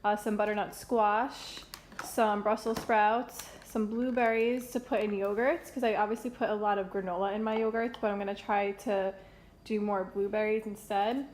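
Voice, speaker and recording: A young woman chats casually to her camera, her voice a little raspy as she comes down with a cold. She is talkative and fills her sentences with little fillers. Her room sounds echoey, with a faint hum behind her. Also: medium pitch, steady tone, moderate pace. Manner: chatty, uses many fillers. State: raspy from getting sick. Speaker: vlogger. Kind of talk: casual chat. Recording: roomy echo, faint background noise.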